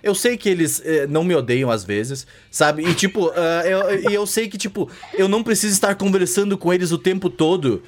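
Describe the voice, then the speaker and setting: A man's voice: sits high, fairly quick, few pauses, a little hiss or hum. A young Brazilian man hosting a casual group chat, slangy and rambling with lots of fillers. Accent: Brazilian Portuguese.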